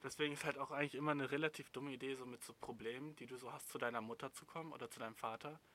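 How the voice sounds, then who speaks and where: Ein junger Mann mit deutschem Akzent, der locker und in Jugendslang Zuschauerfragen beantwortet, direkt und spöttisch. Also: male voice, mid-range voice, fairly even intonation, racing, pushed and bright, a little hiss or hum. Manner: blunt, slangy, mocking. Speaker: advice streamer reading viewer messages. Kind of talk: casual slangy chat.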